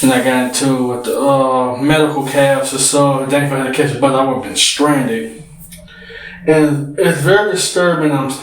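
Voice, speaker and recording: Man vlogger, winded, rambling casual talk, roomy distant recording with faint background noise. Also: mid-range voice. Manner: rambling, frequent "you know what I'm saying". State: out of breath.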